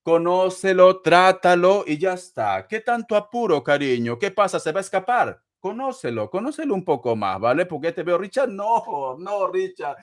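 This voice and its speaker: A man's voice: high-pitched, big pitch swings, moderate pace, hardly any pauses. A man hosting a live-stream tarot reading, answering viewers' donations in a theatrical, chatty way and calling them darling and sweetheart. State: sweating.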